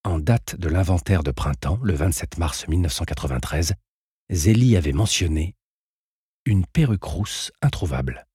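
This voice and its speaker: A man narrating a novel in the first person as an audiobook, in a measured, sober manner. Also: low voice, animated, a little mellow, slightly rough, no echo, clean studio sound.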